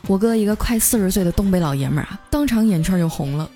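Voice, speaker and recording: A woman, hosting and telling a comic story in a lively, chatty way. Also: medium pitch. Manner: lively, chatty, drawn-out particles. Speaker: radio story host. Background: faint music.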